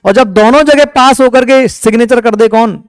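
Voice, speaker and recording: A man from India gives an exam-prep lecture. His voice is high and smooth and sounds close and dry. He often turns a point into a question for the class and then answers it himself. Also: moderate pace, no echo. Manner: asks the class questions and answers them himself, scolds a student. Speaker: teacher.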